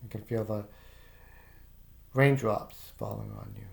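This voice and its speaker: A man with a lowish voice and noticeable vocal fry slowly narrates a guided visualization to "you." He sounds calm and soft-spoken, with casual fillers.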